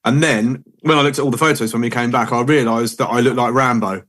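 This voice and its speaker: A man's voice: medium pitch, steady tone, fast talker, fairly bright tone. A man, hosting a podcast and telling rambling, chatty anecdotes in casual conversation. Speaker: podcast host. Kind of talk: casual chat.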